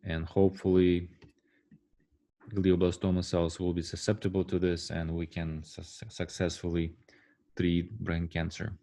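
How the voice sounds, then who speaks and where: Man, university lecture, low voice, mellow tone, halting with ums and restarts, frequent "right?" checks. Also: monotone. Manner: halting, many fillers and restarts; asks the class rhetorical "right?" checks. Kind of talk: classroom lecture.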